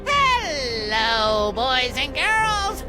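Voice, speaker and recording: Squeaky, evil ventriloquist dummy showman. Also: big pitch swings, drawn-out words, loud music behind the voice, exaggerated voice. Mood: showman menace. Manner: squeaky ventriloquist-dummy voice, theatrical emcee patter. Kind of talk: cartoon video game acting.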